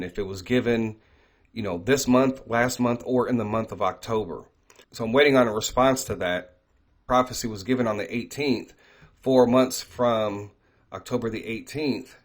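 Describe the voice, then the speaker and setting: A man hosting an online talk, speaking conversationally with many fillers and frequent "right?" check-ins. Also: on the low side. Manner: reads quoted prophecies aloud. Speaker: crypto channel host. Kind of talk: casual talk to camera.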